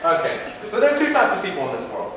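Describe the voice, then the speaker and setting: A young man performing a stand-up comedy set in a university auditorium, with a deadpan mock-lecturing delivery. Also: sits high, quick pace, a little hiss or hum. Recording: echoey auditorium from far off. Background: audience laughter.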